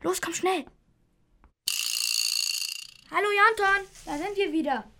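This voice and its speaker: Actress as a kind-hearted, headstrong young boy in a kids' audio play, high voice, insistent. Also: takes it slowly, very noisy, exaggerated voice. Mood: excited. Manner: indignant, insistent, repeats himself. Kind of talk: children's radio play.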